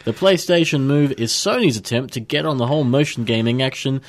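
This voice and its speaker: A man's voice: mid-range voice, brisk. A young man co-hosting a gadget radio show in casual chat, joking around and dropping pirate "yar" growls between sentences. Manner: jokey, keeps growling pirate "yar" interjections.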